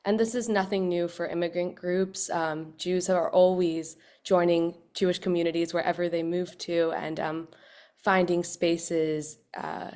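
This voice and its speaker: A young woman from Southern California speaks on a panel in a fairly low voice. She tells her own story with light humor. Her tone stays personal and unhurried. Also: darkish tone, clean tone. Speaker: rabbinical student panelist. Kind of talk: panel talk.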